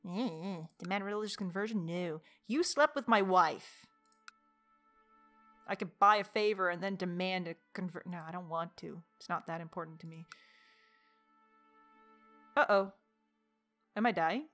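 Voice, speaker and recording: A woman's voice: on the low side, unhurried, long pauses, fairly bright tone, faint music behind. A woman casually commenting on her strategy game, exasperated and joking, talking to the characters and laughing often. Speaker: let's play gamer.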